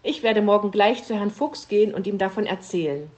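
A woman's voice: mid-range voice, fairly quick, a little mellow, muffled recording, natural voice. A woman voicing an earnest, eager little hedgehog boy in a children's story reading.

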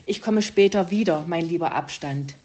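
A woman's voice: lowish voice, moderate pace, dark tone, lightly acted. A woman voicing a pushy, mocking female spirit of closeness in a read-aloud storybook. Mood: taunting. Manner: mocking, taunting.

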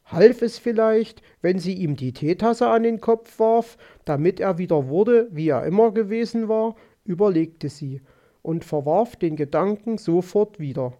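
A man narrating an audiobook story in an expressive, measured way. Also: high voice, highs cut off.

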